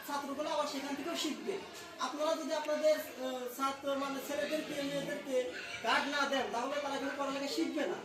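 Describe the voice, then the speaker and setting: A woman, a parent at a school meeting, earnestly explaining her point at length with restarts. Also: high-pitched. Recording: echoey room, voice from far off, noisy.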